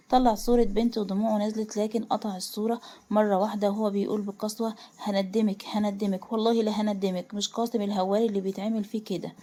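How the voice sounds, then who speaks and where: A woman's voice: mid-range voice, dark tone. A woman with an Egyptian accent, retelling a romance story in a chatty, casual way with asides to her listeners. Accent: Egyptian Arabic.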